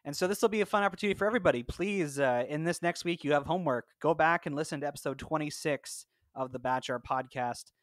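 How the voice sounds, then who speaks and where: Speaking fast with few pauses, a man hosts a podcast in a conversational style, his fairly high voice a bit bright. He's recorded remotely on a close personal mic, and the sound is dry.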